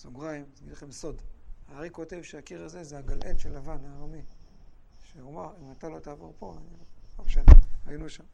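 A man teaching a Bible lesson to a class, telling the story with animated asides to his students. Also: on the high side, vocal fry, background noise.

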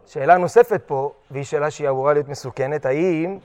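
Animated rabbi teaching in a hall. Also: male voice, on the high side. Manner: animated, questions the class, acts out short quotes. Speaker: yeshiva teacher. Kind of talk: halakha lesson to students.

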